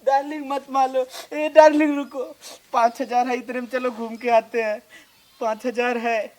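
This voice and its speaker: A man's voice: extremely high pitch, flat delivery, normal speed, a little mellow. A man with an Awadhi accent, acting a broke village husband who pleads and whines in a rustic comedy sketch. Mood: pleading. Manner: pleading, whiny. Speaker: comic actor.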